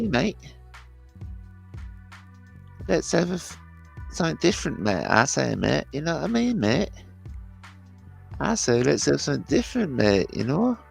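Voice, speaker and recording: Grumbling lad, played by a man, quick gripey patter, gravelly. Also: a little high, voice pushed up, exaggerated voice. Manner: fast grumbling, "mate" in every phrase. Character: grumbling laddish bloke.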